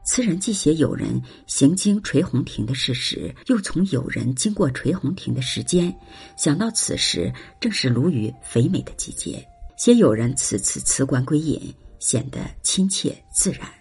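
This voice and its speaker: Very breathy, lively-voiced poetry reader. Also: soft background music. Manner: drawn-out, expressive delivery with wide swings in pitch. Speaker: poetry reciter and commentator. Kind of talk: slow poetry recitation then explanatory commentary.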